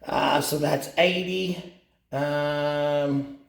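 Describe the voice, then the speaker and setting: A man's voice: steady tone, drawn-out words, gravelly. Folksy man echoing inside a tank. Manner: folksy, self-mocking, jokey. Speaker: real estate agent. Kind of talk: casual video monologue. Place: inside an empty steel milk tank. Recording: boomy echo inside a metal tank.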